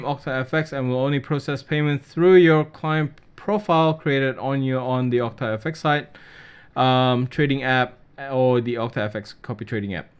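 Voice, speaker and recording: A man hosting a live trading webinar, reading out viewer questions and answering them in a casual, relaxed way. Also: a little high, smooth. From Australia.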